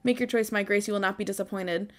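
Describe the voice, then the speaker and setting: A woman's voice: mid-range voice, steady tone, quick pace, lightly acted. Woman voicing a courteous, flowery fortune teller. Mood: eager, courteous. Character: eager fortune teller peddling magical rocks and crystals. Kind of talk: reading game dialogue aloud.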